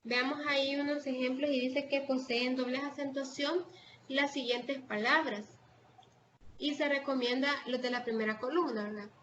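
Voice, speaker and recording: A woman's voice: sits high, fairly even intonation, normal speed, a bit bright. A woman with a Salvadoran accent teaching an online class, hesitating with fillers and restarts as she explains. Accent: Salvadoran Spanish. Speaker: online tutor. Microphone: video call. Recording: dull lo-fi video call audio with faint noise.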